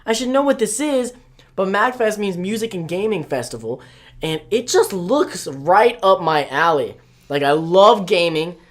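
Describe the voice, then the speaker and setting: A woman's voice: mid-range voice, lively intonation, measured pace. Eager, chatty woman co-host. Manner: eager, talks in long runs with many "like" fillers. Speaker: podcast co-host. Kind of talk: casual chat.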